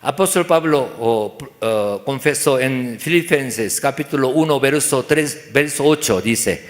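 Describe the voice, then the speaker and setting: A man's voice: medium pitch, measured pace, big-room sound. A man preaching a sermon in simple, broken phrases, asking rhetorical questions and acting out little dialogues. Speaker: pastor. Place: church.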